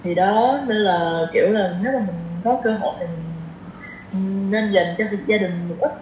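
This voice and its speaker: Here the same kind of speaker, a woman in her 20s with a southern Vietnamese accent, talks at a moderate pace in a mid-range voice. The podcast interview is casual and sprinkled with English slang, captured in a roomy, dull recording with faint noise.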